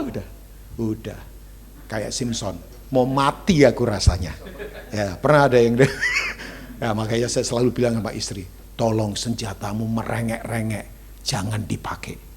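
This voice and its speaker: A man preaching a sermon as a pastor, animated and acting out quoted voices as he tells a story. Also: on the low side, a little hiss or hum. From Indonesia.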